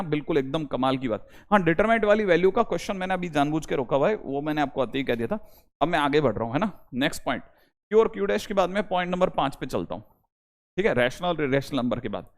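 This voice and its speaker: A young adult man teaching an online math lecture, emphatic, repeating key points and coaxing his students to remember them. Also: on the high side.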